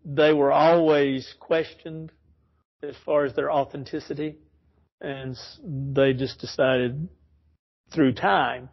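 A man's voice: on the high side, steady tone, takes it slowly, lo-fi sound. A man teaching an informal Bible study in a church, rambling and correcting himself as he explains. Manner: rambling, self-correcting, chuckles often. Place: church classroom.

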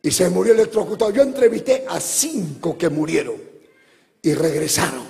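A male preacher tells dramatic stories to his congregation and often rises into impassioned shouts. His voice sits high and carries a gravelly edge. A long church reverb trails every phrase of this live service recording. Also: moderate pace. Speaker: pastor. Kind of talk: sermon.

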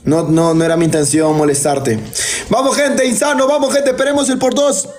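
A man's voice: high voice, steady tone, moderate pace, background noise. A man hosting a live stream, hyping his viewers and thanking supporters by name. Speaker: livestream host. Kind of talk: TikTok live stream chat.

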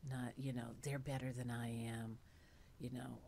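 Speaking at a normal pace in a level tone, this woman has a rumbling low, darkish voice with vocal fry, and a little hiss or hum is audible. She's an actress in her late sixties, a guest in a casual interview chat, talking animatedly with many fillers. The studio has dark curtains and blue lights, and she uses a studio mic on a stand.

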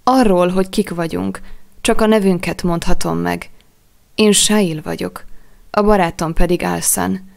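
A woman reading a serious young man in a storybook, who speaks calmly and reassures the boy he rescued. The voice stays low and a little gravelly, with firm, steady emphasis. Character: earnest, protective young man, calm and serious. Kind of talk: audiobook character reading.

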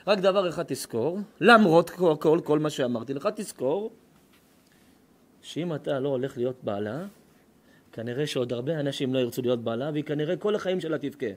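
A preacher doing a firm, admonishing old rabbi. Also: male voice, on the high side, animated, pitched below the performer's own voice. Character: elderly male rabbi, stern but compassionate.

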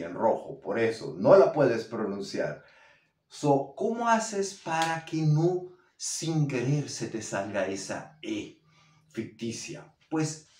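Male English teacher, lively pitch, slow deliberate delivery, roomy sound a bit off-mic. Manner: animated, drills pronunciation with repetition. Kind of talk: language lesson. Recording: roomy echo, somewhat far from mic.

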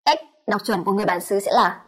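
A woman with a Vietnamese accent teaching a pronunciation lesson, sounding out each sound slowly and repeating it. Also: medium pitch, slightly rough. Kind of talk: explanatory lesson.

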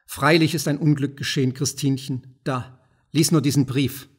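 A man's voice: mid-range voice, fairly even intonation, moderate pace, husky, close to an everyday voice. A man voicing a shrewd, self-satisfied merchant senator who speaks in an old-fashioned, formal way, read in an audiobook. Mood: dejected.

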